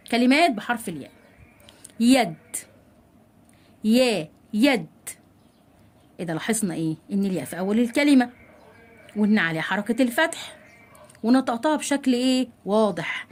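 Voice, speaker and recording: An Egyptian woman teaching young children to read in a patient, questioning way, sounding out letters slowly. Her voice sits a little high for a woman. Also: animated. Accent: Egyptian Arabic. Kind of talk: children's reading lesson.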